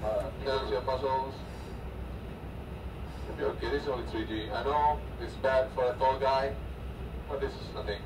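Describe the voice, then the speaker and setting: A man's voice: medium pitch, fairly even intonation, moderate pace, pauses often. A man with a Malaysian accent coaching as a centrifuge training instructor, giving clipped commands in a reassuring way. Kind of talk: coaching over an intercom during training. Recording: noisy, echoey intercom, distant from mic.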